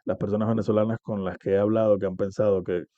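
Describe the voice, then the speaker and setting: A man's voice: lowish voice, level tone, fast talker, no room sound, highs cut off. A man from Cuba, talking casually and reflectively as an interview guest, often checking in with "¿entiendes?". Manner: reflective, uses many fillers and "¿entiendes?".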